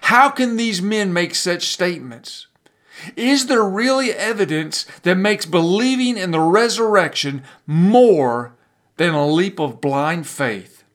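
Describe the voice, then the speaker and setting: A man preaching a sermon as pastor, building emphasis with dramatic pauses and sometimes repeating words as he pushes a point. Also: high-pitched, animated, fairly bright tone.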